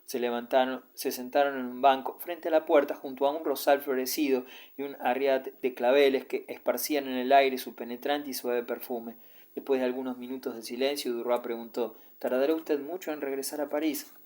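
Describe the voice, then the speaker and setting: A male audiobook narrator reads a classic novel at a steady, even pace. His voice sits at a middle pitch. The delivery is scripted narration. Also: moderate pace.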